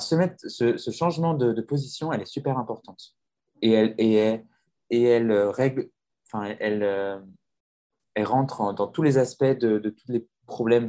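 A man's voice: on the low side, dark tone. A man who teaches languages, talking earnestly in a casual conversation, with many restarts and fillers. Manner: earnest, reflective.

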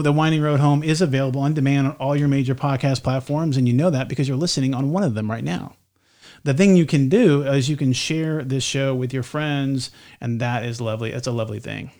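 A man hosting a casual faith podcast, his voice sitting in a middle register. He rambles, restarts his sentences and jokes with his co-host, with a slight lisp. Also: medium pitch. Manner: rambling, self-correcting, joking.

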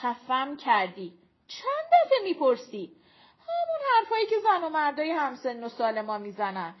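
A woman's voice: high-pitched, wildly swooping pitch, breathy edge, dull audio, pitched above the performer's own voice, heavily acted. A woman voicing a tired, exasperated adult mother in an audiobook.

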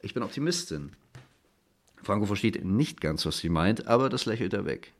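A man reading his own literary short story aloud in a dry, measured way. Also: lowish voice, expressive. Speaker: author reading at a literary stage.

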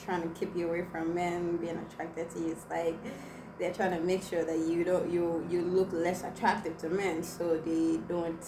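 With little pitch movement, a young Igbo-speaking vlogger tells viewers a personal story, leaning on plenty of fillers. Her voice is lowish and moderately paced. A distant mic picks her up in a noisy, echoing room.

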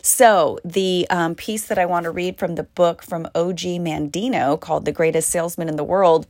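A woman's voice: fairly low pitch, fairly even intonation, normal speed, darkish tone, no echo. A middle-aged or older American woman hosting a casual, encouraging solo podcast, with slightly muffled sound from recording in a closet. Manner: encouraging, heartfelt. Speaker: podcast host, working actor. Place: small clothes closet at home, indoors.

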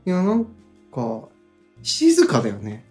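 A man's voice: high-pitched, huge pitch swings, measured pace, a little mellow, faint music behind. A man co-hosting a casual podcast, easygoing and chatty, often chuckling. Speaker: podcast co-host. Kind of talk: casual chat.

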